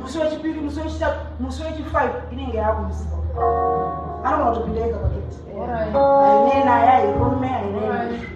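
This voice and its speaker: A Zimbabwean woman evangelist delivers a forceful sermon into a pulpit microphone, her voice high and her words rapid. She sounds distant from the mic in a big echoing church hall, with loud music playing under her. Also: muffled recording. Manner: forceful preaching, switching between Shona and English.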